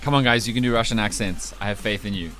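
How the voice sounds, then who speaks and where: A male radio host running a news quiz, teasing his team and telling stories briskly in a studio. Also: fairly low pitch, a bit bright, soft background music. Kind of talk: lively quiz hosting.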